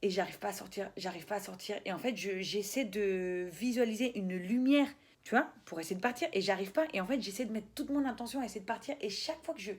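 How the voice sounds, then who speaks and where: A young woman telling a personal story in a casual, animated way, full of slang. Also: medium pitch, fast talker, husky. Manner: animated, slangy, laughs often, acts out voices. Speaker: spiritual vlogger.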